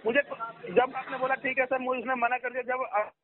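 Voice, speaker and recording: A man's voice: very high-pitched, level tone, brisk, a crowd in the background. A man working as a loan recovery agent in a heated phone argument. He is agitated, keeps demanding to be heard, and talks over the other man. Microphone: phone call. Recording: tinny phone line.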